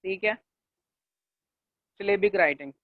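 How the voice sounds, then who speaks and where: A male linguistics lecturer teaching a class, leaning on fillers and checking in often, and slowing down to dictate definitions. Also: high voice, no echo. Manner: leans on the filler "jo hai na" and checks in with "theek hai"; slows down to dictate English definitions. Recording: tinny, dry, phone-like recording.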